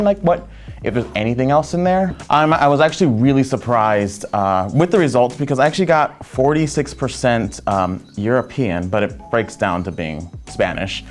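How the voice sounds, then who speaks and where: A young man talking casually to camera about a test, eager and rambling with many fillers. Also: mid-range voice. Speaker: social media staffer.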